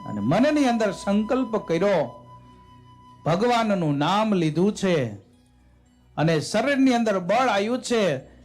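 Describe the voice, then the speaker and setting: A man with a notably high voice tells a devotional story as a temple sermon. His narration is dramatic and expressive, with faint music playing behind him. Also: measured pace, pauses often.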